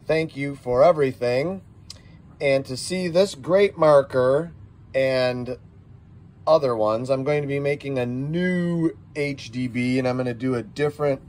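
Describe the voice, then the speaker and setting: A man's voice: medium pitch, darkish tone. A middle-aged man running a casual product demo vlog, rambling and folksy as he talks viewers through shot results. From United States. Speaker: shop owner demoing airguns.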